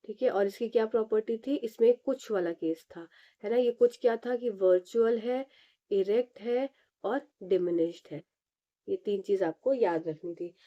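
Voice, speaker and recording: A woman teaching an exam prep lesson. She reads each English question slowly, then explains it in Hindi with rhetorical questions. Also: medium pitch, muffled recording.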